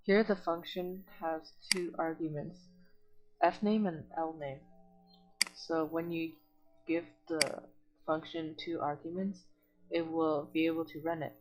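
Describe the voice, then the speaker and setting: A tutor leads an online coding lesson, reading documentation aloud and then restating it in plain words. The voice sits in a middle register and moves at a patient, step-by-step pace. Faint music plays softly underneath. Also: mid-range voice, steady tone, a little slow, rough recording.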